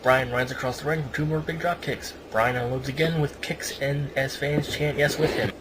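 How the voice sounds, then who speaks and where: Speaking at a moderate pace in a steady, medium-pitched tone, a casual podcast host works through a match report aloud with wry remarks sprinkled in. Background noise marks it as an amateur recording.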